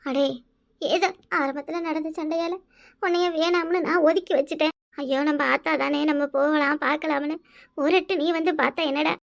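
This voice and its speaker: In a cartoon, a woman voices an aging village mother speaking a southern Tamil Nadu village dialect, grief-stricken and scheming as she reproaches and pleads with her son. Her high-pitched voice is gravelly, with fairly even intonation and a moderate pace.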